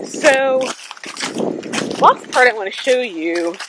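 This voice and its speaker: A woman's voice: fairly high pitch, expressive, slow pace, background noise. A woman giving a casual walking tour of her backyard garden outdoors on a clip-on mic, thinking aloud with fillers and self-corrections. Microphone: clip-on microphone.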